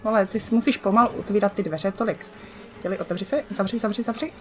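A woman with a Czech accent giving casual let's-play commentary, chatty, swearing at the game and muttering to herself as she plays. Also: medium pitch. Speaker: gamer.

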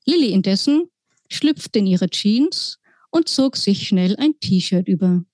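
A woman author reading her children's book aloud in a slow, deliberate storytelling manner. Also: mid-range voice, animated, a little mellow, dry recording.

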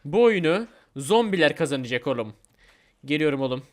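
A young man giving excited gameplay commentary as a gaming YouTuber, repeating words rapidly. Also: a little high.

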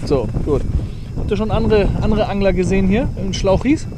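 A man's voice: sits high, a little fast. A man, chatting jovially and teasing other anglers from an inflatable boat on the sea. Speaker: vlogger organizing an angling meet. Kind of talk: casual outdoor chat. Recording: loud wind noise on the mic. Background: wind and boat sounds.

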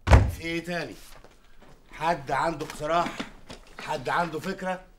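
A man's voice: fairly high pitch, steady tone, moderate pace, slight background noise, lightly acted. An actor playing a busy middle-aged Egyptian company boss and family man in a TV drama. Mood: exasperated. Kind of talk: naturalistic TV drama acting. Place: office, indoors.

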